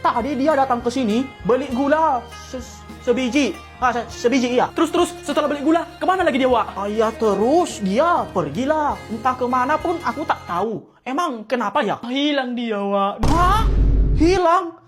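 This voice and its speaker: A woman performing a comic sketch, switching between many villager voices high and low with loud exclamations. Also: expressive, normal speed, few pauses, soft background music.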